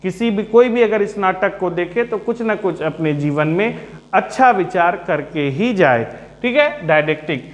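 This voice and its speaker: Slow, calm male teacher with lively pitch. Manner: slow, calm, repeats and spells out words. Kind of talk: Hindi-English literature lesson. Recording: echoey room.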